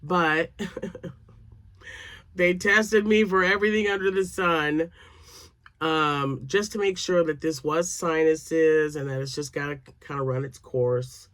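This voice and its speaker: A crochet vlogger in her later years chats casually to camera in a low, steady voice that's a bit bright and unhurried, captured as clean studio sound with no echo. She sounds slightly nasal and froggy from sinus drainage. Rambling and talkative, she uses many fillers and laughs often.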